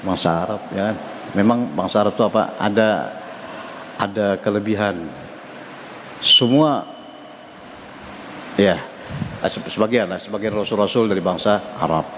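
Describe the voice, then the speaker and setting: A man with a Banjar accent gives an informal mosque lesson, asking his listeners questions and chuckling as he goes. His mid-pitched voice carries through a roomy hall with a long reverb tail. Faint noise sits under the recording. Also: unhurried, long pauses, a bit bright. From South Kalimantan, Indonesia. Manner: conversational, asks the audience questions and chuckles. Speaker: religious teacher. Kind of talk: mosque study-circle lecture.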